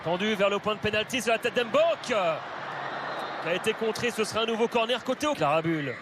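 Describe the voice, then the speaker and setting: A man giving excited live football commentary, play by play, shouting at big moments. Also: high voice, normal speed. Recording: loud stadium crowd noise. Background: roaring stadium crowd.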